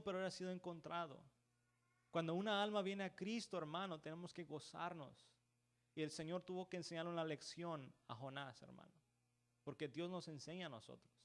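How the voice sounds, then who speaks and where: A man preaching a church sermon who keeps calling the listeners "brother" and asking "right?", often restarting words and mixing in English words. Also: fairly high pitch. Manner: peppers talk with "hermano" and "¿verdad?".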